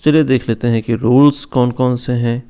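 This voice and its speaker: A man teaching English grammar in an online lesson, slowing down to stress each example word. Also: medium pitch, steady tone, warm tone, smooth. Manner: slow, careful stress on example words.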